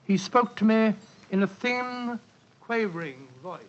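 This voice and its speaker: An actor playing a blustering, kindly British gentleman doctor, sometimes stammering, in 1940s radio style. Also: high-pitched, lively intonation, a little slow. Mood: grave narration. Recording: muffled old radio recording, faint hiss.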